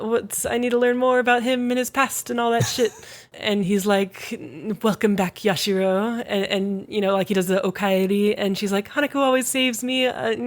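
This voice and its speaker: A young woman on a casual podcast, retelling an anime plot in an animated way, slipping into quick character voices and swearing now and then. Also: mid-range voice. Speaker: podcast co-host recapping an anime. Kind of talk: casual chat.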